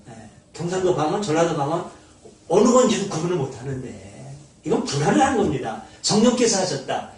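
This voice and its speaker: A man giving an informal Bible study lecture, animated and blunt, sometimes mocking. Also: fairly high pitch, brisk. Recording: echoey room, mic far off.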